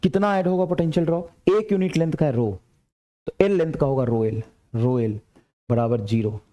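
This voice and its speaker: Male physics tutor, high-pitched, energetic, repeats phrases to push students along. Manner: energetic, repetitive urging, slow dictation of English problems. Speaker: physics teacher. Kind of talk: lively classroom lecture.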